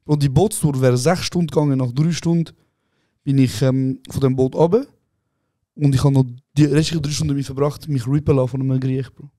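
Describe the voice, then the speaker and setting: Ein junger Mann aus der Schweiz mit Schweizerdeutschem Akzent, Co-Host eines Podcasts, der eine Ferien-Anekdote lebhaft und aufgedreht erzählt und andere Leute laut nachspielt. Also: male voice, medium pitch, fairly quick, no room sound, studio quality. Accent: Swiss German. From Switzerland. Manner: excited anecdote telling, acting out other people with shouts, calls the other host "Bro". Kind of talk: casual chat, animated storytelling.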